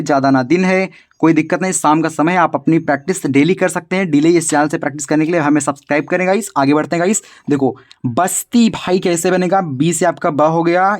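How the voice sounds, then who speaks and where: A man leads a casual spelling lesson. He speaks to his viewers as friends and students and repeats each word slowly while he sounds it out. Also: a little high. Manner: talks to viewers directly as brother and kids, repeats words slowly. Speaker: English tutor on a video channel.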